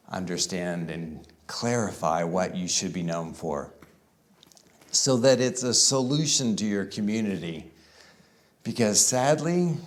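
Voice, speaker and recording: A man speaking to a room of pastors at a conference, conversational and easygoing, leaning on words and slowing down for emphasis. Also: medium pitch. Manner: conversational, with varied emphasis and deliberate slow stretches. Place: conference room with live audience.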